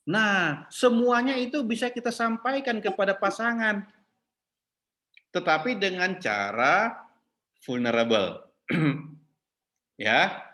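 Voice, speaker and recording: Bright-voiced man teaching a marriage class. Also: high voice, expressive, slow pace, long pauses. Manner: interactive, asks the class questions; mixes English terms into explanations. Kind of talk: church marriage class lesson. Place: church class room.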